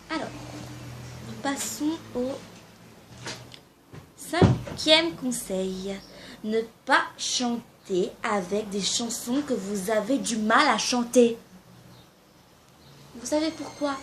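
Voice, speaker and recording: A young woman with a slightly high voice gives casual singing advice straight to camera. She talks informally and hesitantly, with plenty of fillers. A faint steady hiss sits under her voice. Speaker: amateur singing tips vlogger. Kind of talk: casual spoken tips to camera.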